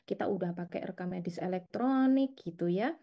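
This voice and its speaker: A middle-aged woman lecturer teaching an interactive class, lively and chatty, coaxing students to answer and laughing often. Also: on the low side, a little fast, muffled recording.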